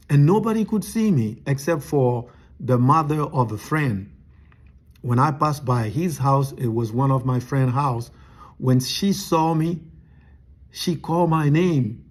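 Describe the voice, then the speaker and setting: A man earnestly telling a personal spiritual testimony, halting and restarting as he goes, eating something while he talks. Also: on the high side. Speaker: testimony speaker.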